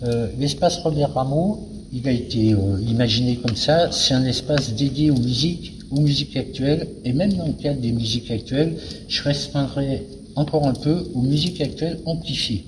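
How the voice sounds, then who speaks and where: A man's voice: mid-range voice, moderate pace. A man speaking as a venue director in an interview, explaining things in a hesitant, searching way. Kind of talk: spoken interview about a cultural season. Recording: noisy, very reverberant hall.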